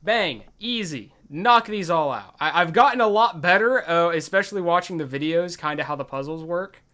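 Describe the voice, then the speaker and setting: Now fairly high-pitched and animated at a moderate pace, the man keeps up his casual playthrough commentary, reading game dialogue aloud. Soft music plays as he mutters, swears lightly, and gloats over his progress.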